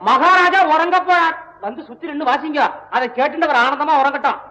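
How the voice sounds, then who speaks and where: An actor playing a scheming middle-aged courtier in a 1960s film, sly and wheedling. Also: male voice, very high voice, brisk, bright, forceful tone, in a large hall, full character voice, poor audio.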